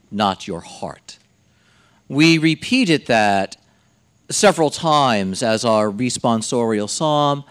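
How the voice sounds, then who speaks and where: Slow, solemn man preaching, widely varied intonation. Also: mid-range voice. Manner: solemn, deliberate, with emphatic pauses and repetition. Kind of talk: liturgical Gospel reading and homily.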